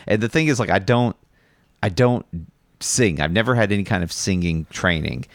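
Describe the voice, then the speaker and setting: A low-voiced man co-hosting a chat show, talking in a rambling, self-deprecating way. He restarts his sentences often. The recording is dry and close. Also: lively intonation, moderate pace, vocal fry, no room sound. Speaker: podcast co-host. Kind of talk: casual chat.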